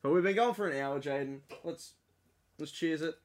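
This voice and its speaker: A man's voice: on the high side, moderate pace. Blokey Australian man, sweary and teasing. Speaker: podcast co-host. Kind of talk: casual banter between friends.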